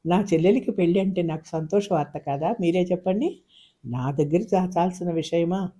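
A man voicing a calm, self-sacrificing young woman in a storybook reading, speaking gently and steadily. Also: sits high, normal speed, voice pushed up. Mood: gentle steady.

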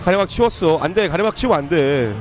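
A young man streaming a football game, commentating live with hyped shouting as he opens card packs. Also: a little high, lively intonation, fast talker, over music.

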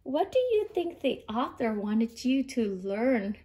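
A woman teacher reads a children's storybook aloud, pausing to ask her listeners questions. Her voice is high and very animated, and she takes her time. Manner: expressive, asks listeners questions.

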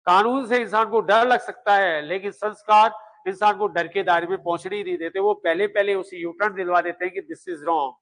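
Guy teaching a class, fairly high voice, keeps hammering points home, asks and answers his own questions. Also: fairly even intonation, moderate pace, a bit bright. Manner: emphatic, repetitive drilling, rhetorical questions. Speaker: law exam coaching teacher. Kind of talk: classroom lecture.

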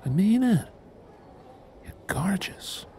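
Casting: male actor as affectionate young boyfriend for audio role-play, sweet-talking, mellow, unhurried. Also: fairly high pitch, very animated, a little hiss or hum. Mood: tender, coaxing. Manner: sweet-talking, coaxing endearments. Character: affectionate, impatient young Celtic boyfriend, sweet-toothed and exasperated.

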